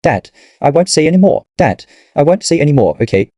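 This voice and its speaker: A man's voice: on the high side, sing-song, fairly quick, warm tone, no room sound, studio quality, pitched above the performer's own voice. A man voicing a clingy, tearful little girl in a narrated story, speaking in a pleading way.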